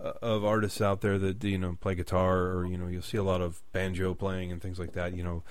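A man's voice: sits low, level tone, brisk, clear, resonant tone, no echo. A man from the United States interviewing a musician, asking long, rambling questions full of fillers and restarts.

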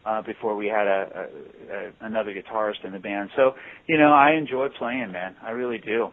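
A man with a lowish voice talks briskly in a phone interview, answering as a band's guitarist and singer. His replies are thoughtful yet rambling, full of restarts, and the phone line is tinny.

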